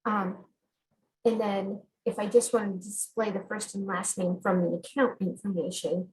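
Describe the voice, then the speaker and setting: A woman's voice over a video call, hesitant and halting as she restarts her question during a live Q&A. Her tone is mellow and a little subdued. Faint background noise sits behind the call audio. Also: mid-range voice, steady tone, low-quality recording. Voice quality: call audio breaking up at times. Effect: remote caller's voice over a video call. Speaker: webinar attendee asking questions. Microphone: computer or headset mic on a video call.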